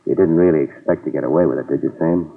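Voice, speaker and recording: Rumbling low and gravelly, his steady voice moves quickly in a full character performance. He stars and narrates as a hardboiled, wisecracking private investigator in a 1950s-style radio drama, dry and wry, on an old recording that sounds tinny and distant.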